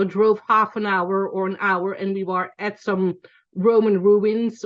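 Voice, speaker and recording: A Belgian woman in her forties teaches an online class over a video call, her medium-pitched voice sounding muffled with the highs cut off. She chats her way through it, with lots of ums and corrections to herself.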